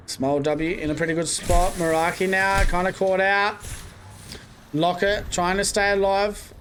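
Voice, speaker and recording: High-voiced esports caster. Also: male voice, flat delivery, a bit bright, slight background noise. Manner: quick, running play-by-play with casual asides. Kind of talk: live esports play-by-play commentary.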